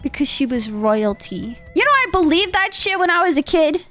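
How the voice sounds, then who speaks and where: High-pitched, cute anime-style woman streamer. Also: very animated, normal speed, a bit bright. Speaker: streamer reacting to videos. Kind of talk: casual reaction chat.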